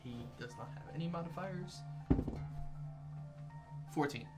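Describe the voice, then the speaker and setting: A man running a tabletop game as game master, hesitant and full of fillers, over loud background music. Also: a little high, a little slow.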